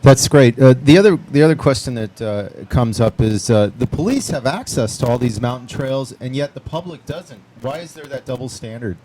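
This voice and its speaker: A man co-hosting a radio talk show, asking long, halting questions full of ums. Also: mid-range voice, animated, mellow, slight background noise. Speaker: radio co-host. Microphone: close studio microphone.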